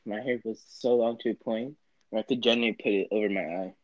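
A man's voice: on the low side, fairly even intonation, fast, dry recording, muffled recording. Teasing teenage guy on a video call. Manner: laughs often, teasing banter. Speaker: host. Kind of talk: casual chat.

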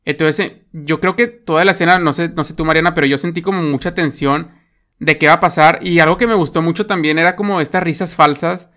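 A man's voice: a little high, steady tone, fairly quick, bright, forceful tone. A man with a Mexican accent chatting casually about a film, rambling with lots of fillers and tag questions.

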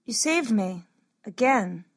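A woman's voice: a little high, animated, takes it slowly, full character voice. An actress playing Corley, a young female cleric apprentice, affectionate and teasing.

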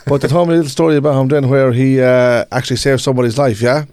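A man's voice: medium pitch, steady tone, racing, darkish tone, no room sound. A man of about fifty with an Irish accent, hosting a podcast in blunt, casual chat. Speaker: podcast host.

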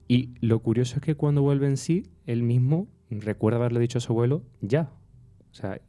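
A man hosting the show, commenting on and explaining the story in a measured way. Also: mid-range voice, dark tone. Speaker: host. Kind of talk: presenting and commenting.

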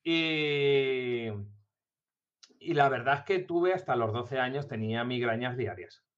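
A man's voice: mid-range voice, slow pace. Rambling man, lo-fi sound. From La Mancha, Spain. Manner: rambling, frank, many fillers. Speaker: podcast guest. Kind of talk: casual chat. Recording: slightly dull lo-fi sound.

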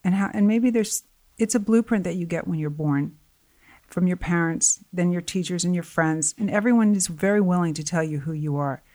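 A woman's voice: lowish voice, moderate pace. A middle-aged woman guesting as a life coach, talking earnestly in a conversational interview, her voice tiring. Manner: earnest, animated when quoting others. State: voice getting tired.

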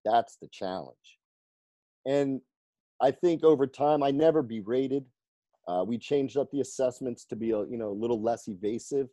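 A man who coaches firefighters on fitness, telling stories in an interview, lively and laughing often as he acts out the people he quotes. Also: mid-range voice, normal speed, no echo. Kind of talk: storytelling in a conversational interview.

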